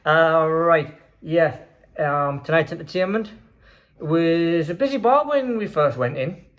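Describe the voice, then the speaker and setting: A man's voice: fairly high pitch, expressive, measured pace, fairly bright tone. A man chatting casually to camera in a travel vlog, rambling with lots of fillers. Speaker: vlogger. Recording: faint background noise.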